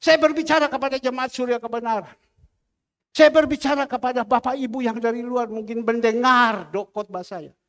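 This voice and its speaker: High-voiced man preaching in a reverberant hall. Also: steady tone, normal speed, a bit bright. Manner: emphatic, repetitive preaching with acted quotes. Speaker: pastor. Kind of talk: sermon. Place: large church hall.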